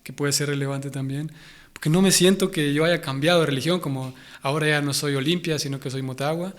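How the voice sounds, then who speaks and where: Thoughtful Honduran man, slightly high voice. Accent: Honduran Spanish. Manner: thoughtful, searching for words with many restarts. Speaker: interview guest, Hare Krishna devotee. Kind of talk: conversational interview.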